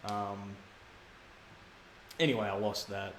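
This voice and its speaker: A man's voice: lowish voice, fairly even intonation, slow, a bit bright. A man telling stories in casual chat, rambling and correcting himself as he goes. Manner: rambling, self-correcting storyteller. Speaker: guest speedrunner. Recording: echoey room, faint background noise.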